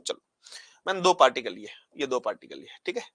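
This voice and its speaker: A man's voice: mid-range voice, fast, dry recording. A man teaching a physics lesson, asking the class questions and repeating key terms back as answers. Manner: animated, acts out particles pushing apart.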